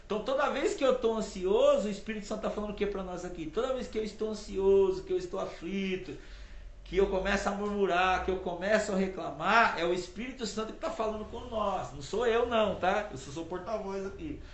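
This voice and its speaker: A man's voice: high voice, fairly quick. A man preaching an informal sermon, talking conversationally and repeating his points for emphasis. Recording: roomy echo.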